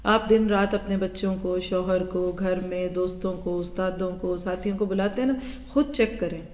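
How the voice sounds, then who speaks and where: A woman's voice: lowish voice, steady tone, darkish tone. A woman gives a hadith class lecture and acts out little scenes of everyday talk as she teaches. Her voice rings through a large hall with a long echo, and the sound is dull and lo-fi. She mixes English words into her lesson. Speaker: religious teacher.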